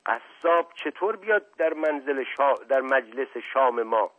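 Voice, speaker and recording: A man voicing a pompous, irritable older family patriarch who mutters in hushed anger. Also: medium pitch, lively intonation, pitched above the performer's own voice, lightly acted. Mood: angry hushed. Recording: tinny phone-like audio.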